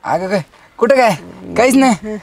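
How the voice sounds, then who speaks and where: A man's voice: high voice, expressive, moderate pace. An actor playing Kisu, a sly young village man who dodges questions and bosses his friend around.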